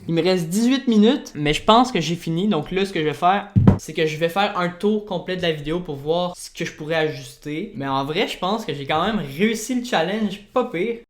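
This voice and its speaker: A man with a Québécois accent, talking casually through his editing work as a vlogger and breaking into loud, delighted exclamations. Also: sits high, lively intonation, fairly quick. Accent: Québécois French. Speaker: video editor and YouTuber. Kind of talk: casual vlog commentary while working. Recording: roomy echo.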